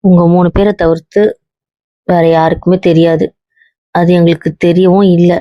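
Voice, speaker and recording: A woman's voice: on the low side, little pitch movement, moderate pace, dark tone, dry recording, natural voice. A young woman acting as a blunt married woman who lectures and comforts her heartbroken cousin, always asking if he understands. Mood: firm consoling. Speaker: actor in a web drama. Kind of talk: web series drama acting. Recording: dull, muffled dry audio.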